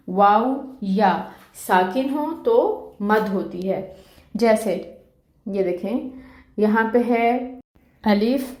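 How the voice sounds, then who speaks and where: A woman's voice: mid-range voice, mellow. A woman teaching Quran recitation in an online lesson. She explains patiently, step by step, checks in with "okay" and draws out the sounds she demonstrates.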